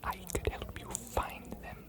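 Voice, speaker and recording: In a lightly acted ASMR fantasy roleplay, a woman plays an ancient, scholarly vampire archivist. She speaks in a hushed, deliberate way with weighty pauses, cryptic and inviting, and the mood is hushed and earnest.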